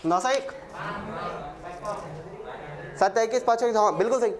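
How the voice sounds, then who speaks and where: A male maths teacher with a very high voice lectures at a moderate pace, working through sums aloud while joking with and teasing his students. A crowd of students can be heard in the recording.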